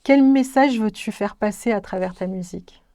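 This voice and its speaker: A woman's voice: mid-range voice, moderate pace, dark tone, no echo, clean studio sound. A woman interviewing a guest, asking polite questions and giving short affirming replies.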